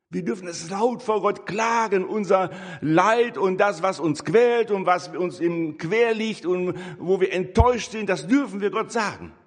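A man's voice: sits high, gravelly, breathy edge. An older man giving a conversational sermon as a lay preacher, breaking into rising, emphatic bursts. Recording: echoey hall.

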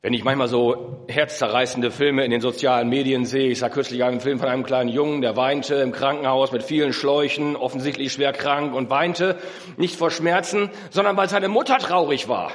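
A man preaching a sermon, swinging between emphatic high peaks and low, slow earnest passages. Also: fairly even intonation. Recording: echoey hall.

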